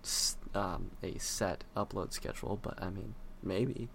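A young man with a fairly low voice jokes in a dry, offhand way as a podcast co-host. His tone stays relaxed and casual. A faint hiss sits under the recording. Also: a little slow, vocal fry.

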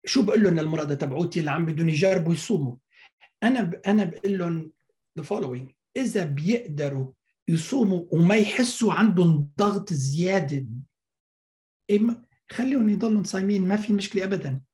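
A man with a Lebanese accent giving informal expert explanations as a doctor in an interview, often halting and repeating words as he goes. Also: sits high, expressive, mellow. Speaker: fertility doctor, interview guest.

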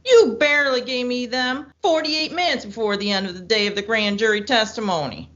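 A woman's voice: fairly high pitch, fairly bright tone, natural voice. A woman voicing a feisty defense lawyer who argues indignantly in country talk. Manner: indignant, rapid legal arguing, country talk. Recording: muffled lo-fi audio.

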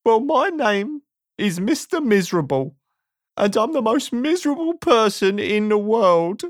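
A squeaky, high-pitched little storybook man voiced by a woman, thoroughly miserable and glum. He sniffs out his words in a swooping, sorry-for-himself way, recorded close and dry. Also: sing-song, a little slow, no room sound. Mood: glum, sniffy. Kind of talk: children's storybook character voice.

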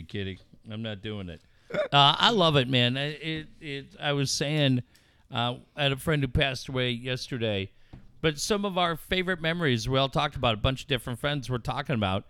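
Hosting talk radio, a middle-aged man from Southern California swears and rambles in loose banter. His voice is medium-pitched, smooth, and fairly bright, with clean studio sound and no echo.

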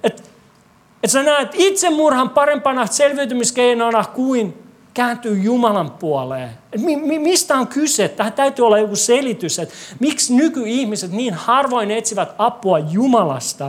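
A preacher gives a sermon in a church hall, throwing lively rhetorical questions at the congregation and adding wry, joking asides. His voice is medium in pitch.

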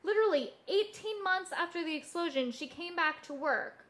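A woman's voice: extremely high pitch, expressive, moderate pace, a bit bright. A woman co-hosting a casual chat about hauntings, telling stories informally and thinking aloud with some hesitation. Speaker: podcast co-host.

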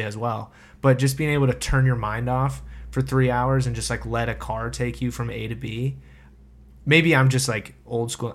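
A man's voice: mid-range voice, fairly bright tone. A man co-hosting a casual discussion, rambling and filling his talk with constant "like".

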